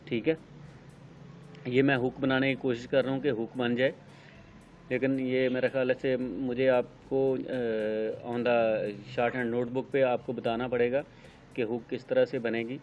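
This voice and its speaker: A man with a Pakistani accent teaching shorthand, explaining step by step with many pauses. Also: mid-range voice, little pitch movement. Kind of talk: screen-recorded tutorial explanation. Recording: dull lo-fi sound with faint noise.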